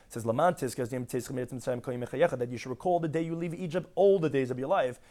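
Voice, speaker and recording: A man's voice: mid-range voice, fast talker, dark tone. A man teaching a daily Talmud class, explaining each term in English with rhetorical questions. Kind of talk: Talmud lecture mixing Hebrew and Aramaic terms with English explanation.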